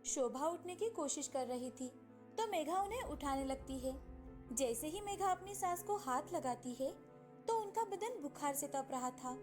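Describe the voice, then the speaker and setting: A woman's voice: sits high, lively intonation, a little slow, darkish tone, soft background music. A woman narrating a cartoon story and voicing all its female figures herself.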